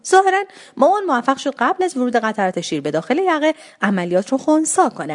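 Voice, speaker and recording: A woman narrating a first-person story with a wry, comic, animated delivery. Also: fairly high pitch.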